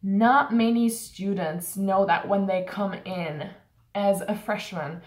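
Speaking slowly in a mid-range voice, a young Turkish woman complains candidly in her college vlog, filling her speech with fillers. She's in a small room indoors, and the audio has a roomy quality.

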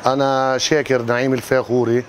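A man's voice: medium pitch, level tone, fast talker, slight background noise. A man, a potter giving a brief, plain self-introduction on a lapel mic in an indoor workshop. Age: 40s. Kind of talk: filmed interview.

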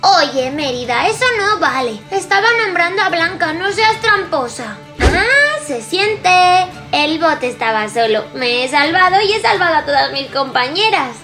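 Very high-pitched little girl doll, Castilian Spanish. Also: animated, measured pace, hardly any pauses, full character voice. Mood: squabbling, then playful, excited. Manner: exclamatory, dramatic, childlike. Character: excitable little girl princess dolls squabbling and playing. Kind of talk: doll play story for children. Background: background music.

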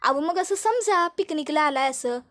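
Lady putting on a fussy village woman pushing food, extra high and wheedling. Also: expressive, normal speed, fairly bright tone. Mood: coaxing. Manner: wheedling rural dialect.

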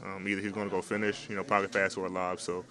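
After a game, a young basketball player fields questions at a postgame press interview in a locker room, with several handheld reporter mics held up to him. His deep, bright voice is forceful yet monotone, barely rising or falling, and he talks fast but laid-back, full of fillers and restarts.

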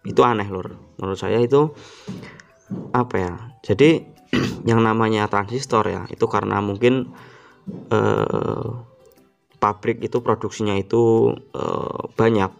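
A man with a low, gravelly voice talks through an electronics repair tip in a loose, casual way. He repeats himself, uses plenty of fillers and often clears his throat. Faint music plays underneath. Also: steady tone, unhurried, pauses often, dull audio. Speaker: electronics hobbyist channel host. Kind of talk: casual how-to talk to camera.

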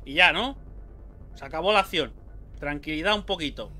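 A man's voice: fairly high pitch, animated, moderate pace, sharp tone, soft background music. A young man with a Spain Spanish accent, commenting on a horror game he plays, swearing and yelping whenever something startles him. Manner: jumpy, swears and yelps at scares. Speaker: gaming YouTuber. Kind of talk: let's play commentary.

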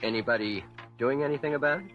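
In a radio drama with music underneath, a man of medium pitch talks fast, playing a shifty, nervous husband who is hiding something. He stammers, acts falsely friendly and dodges questions, giving an uneasy, lightly acted performance. The sound is phone-quality.

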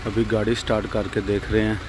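Young male vlogger, low even voice, phone mic outdoors, street noise behind. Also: fast. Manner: casual, showing things to the viewer. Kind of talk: casual vlog narration. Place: outdoors at night by a roadside.

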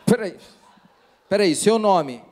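A man hosting a live comedy hypnosis show, loud, swearing and calling out to the audience on stage. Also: high voice, expressive, unhurried. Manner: loud, swearing, calls out to the crowd. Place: theater stage. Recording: echoey theater with faint noise.

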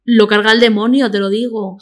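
A woman guest on a chat podcast, telling stories in a blunt, sarcastic, rapid-fire way. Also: fairly high pitch, steady tone. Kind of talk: casual chat.

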